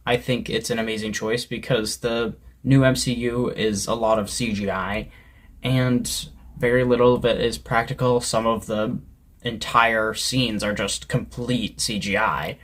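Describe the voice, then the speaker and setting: A man hosting a casual opinion commentary video, talking in a conversational, opinionated way with some hesitant fillers. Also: on the low side.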